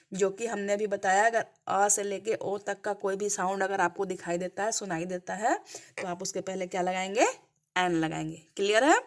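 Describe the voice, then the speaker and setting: A woman teaching a grammar lesson over slides. She keeps asking the class questions and then answers them herself. She checks in again and again with short "clear?" and "okay" prompts. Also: medium pitch.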